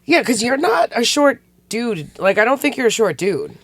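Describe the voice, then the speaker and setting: A raspy, hoarse man co-hosting a podcast in a joking, chatty way. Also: very high-pitched, very animated, normal speed, a bit bright, no room sound. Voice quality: raspy, smoker-like voice. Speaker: podcast co-host. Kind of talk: casual chat.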